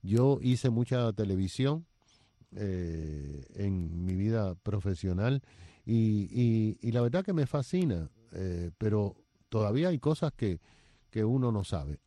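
An older man hosting a radio interview show, talking slowly with many fillers and pauses. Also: fairly low pitch, animated, mellow, no echo. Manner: slow, hesitant, with many fillers.

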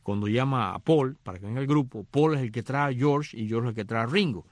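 A man's voice: mid-range voice, fast, no room sound, studio quality. A middle-aged man casually retelling a film's story, acting out the characters' lines. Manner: animated, acts out dialogue. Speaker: radio host recounting a film.

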